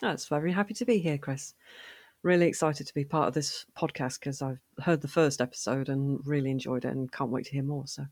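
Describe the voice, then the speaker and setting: A woman chatting as a podcast guest, animated and quick to laugh, often restarting her sentences. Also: rumbling low, dry recording. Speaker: podcast guest, fan voice actor and writer. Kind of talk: casual interview conversation.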